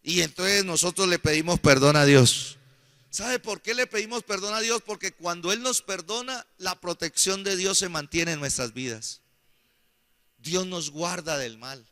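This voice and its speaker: Fervent preacher man, bright high voice. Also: a little slow. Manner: preaching fervently, calling for amens, rising to near shouts. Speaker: pastor. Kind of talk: sermon. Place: church hall. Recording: hall reverb.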